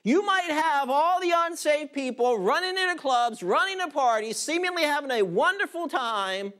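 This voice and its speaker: A male pastor preaching a sermon in an animated, emphatic way, drawing out key words. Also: extremely high pitch, moderate pace.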